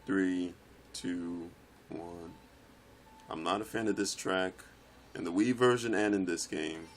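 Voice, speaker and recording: A young man commentating his own kart racing gameplay, swearing and yelling in frustration at the game. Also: low voice, slow, slight background noise. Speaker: let's play gamer.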